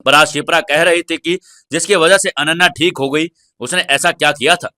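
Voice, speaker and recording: Bright-voiced male story narrator. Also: fairly high pitch, steady tone, moderate pace, dry recording, studio quality. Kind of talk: scripted serial story narration.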